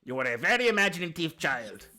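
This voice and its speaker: A man's voice: a little high, big pitch swings, fast talker, pushed and bright, faint music behind. A man reading a dating sim aloud on a stream as the dad, with playful joking asides.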